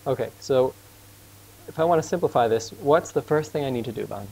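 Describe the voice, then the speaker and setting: In this informal tutoring lesson, a man with an animated, gravelly, medium-pitched voice and a dark tone works through math casually and patiently. He quizzes his student along the way and admits he talks fast, all captured on a rough recording with slight hiss or hum.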